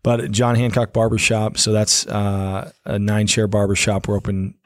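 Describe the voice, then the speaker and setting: A man's voice: lowish voice, completely flat delivery, moderate pace, no echo, clean studio sound. A young man as a guest on a casual interview show, easygoing and laid-back, with many uhs. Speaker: guest, business co-owner.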